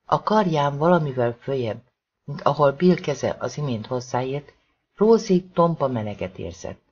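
Husky guy reading a thriller audiobook, dramatic, muffled lo-fi audio. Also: mid-range voice, lively intonation. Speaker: narrator. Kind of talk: audiobook narration.

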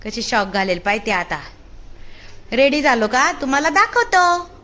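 A young mother talks brightly to her viewers in a casual home vlog. Her voice sits high, chatty and doting. She coaxes her little boy along between remarks to the camera. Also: big pitch swings, a little slow. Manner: chatty and doting, coaxing a small child. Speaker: family vlogger, mother. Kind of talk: casual family vlog narration.

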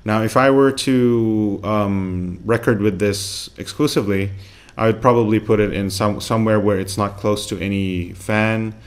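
A man's voice: fairly low pitch, fairly even intonation, normal speed, clean tone. Man casually reviewing a microphone. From Philippines. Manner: rambling, many fillers and restarts. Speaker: tech reviewer. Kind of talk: casual unboxing commentary. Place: home room with laptop fan. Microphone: USB desk microphone held close.

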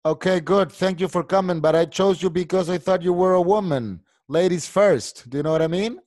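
A man's voice: sits high, normal speed, a little mellow, dry recording, clean studio sound. Patient bilingual male English teacher. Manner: explains patiently, mixing Spanish and English. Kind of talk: online English class.

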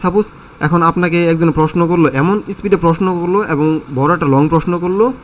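A man's voice: fairly high pitch, a little fast, slight background noise. A man teaching an English listening lesson, explaining in a conversational way with many fillers and questions to his students.

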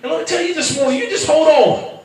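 A man preaching a fervent sermon in church, swinging from quiet asides up to shouted, rhythmic calls. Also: very high voice, quick pace, gravelly, far from the mic. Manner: fervent, rising to shouts, call-and-response. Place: church sanctuary. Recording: very echoey church hall from afar.

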